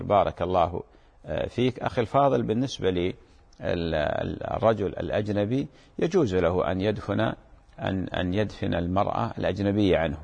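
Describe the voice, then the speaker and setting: Low gravelly-voiced sheikh answering questions. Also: male voice, a little mellow, big-room sound. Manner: measured, repeats key words for emphasis. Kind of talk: religious question-and-answer program.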